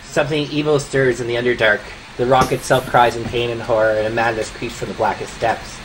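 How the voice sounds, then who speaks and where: A man playing a solemn prophet in a tabletop game, delivering warnings in a grave, incantatory way, over clear noise. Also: mid-range voice, little pitch movement, a little fast, lightly acted, low-quality recording. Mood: ominous. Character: solemn prophet channeling ominous warnings from stones.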